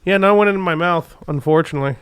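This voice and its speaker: A man's voice: on the high side, fast talker, fairly bright tone, smooth, no room sound. A young man chatting casually as a podcast host in crude, swearing frat-bro talk. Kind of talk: casual chat.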